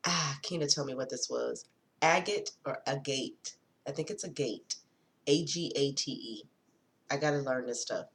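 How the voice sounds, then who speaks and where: A woman's voice: extremely low pitch, moderate pace. A woman vlogging to her viewers in a chatty, casual way, swearing freely and calling them y'all. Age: adult with a daughter. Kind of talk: casual chat to camera.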